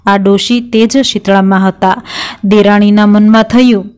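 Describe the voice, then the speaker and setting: Telling a devotional folk tale, a middle-aged woman keeps an even, unhurried storyteller's pace. Her smooth, clear voice sits at an ordinary middle pitch, and her steady, plain narration carries straight into the characters' quoted lines, which she reads in that same voice.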